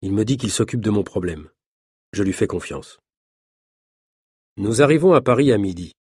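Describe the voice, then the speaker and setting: A man narrating an easy-reader story aloud in a measured, clearly articulated manner. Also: fairly low pitch, animated, a little mellow, dry recording, clean studio sound. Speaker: audiobook narrator. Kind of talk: reading an easy French story.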